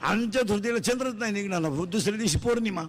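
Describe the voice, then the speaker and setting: A man with a high voice delivers a comic kirtan sermon. He quizzes the crowd in rapid call-and-response and mixes in teasing jokes. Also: a little hiss or hum. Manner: joking, teasing asides between chanted lists. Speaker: kirtan preacher.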